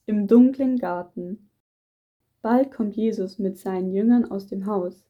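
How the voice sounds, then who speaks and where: A woman reading a children's Bible story aloud in a gentle, measured storytelling manner. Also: mid-range voice. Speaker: story reader. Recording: dull muffled recording.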